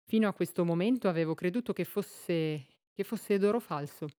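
A woman's voice: on the low side, moderate pace, mellow, no echo, clean studio sound, close to an everyday voice. A woman voicing a timid, bewildered widowed male clerk who stammers in a storybook reading. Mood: stunned. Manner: stammering, flustered.

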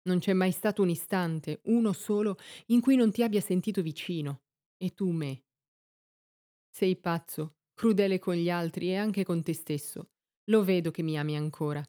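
A woman's voice: fairly low pitch, normal speed, warm tone, natural voice. A woman reading the lines of a betrayed, heartbroken queen in an impassioned, reproachful way. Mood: pleading. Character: heartbroken queen Dido, betrayed by her lover.

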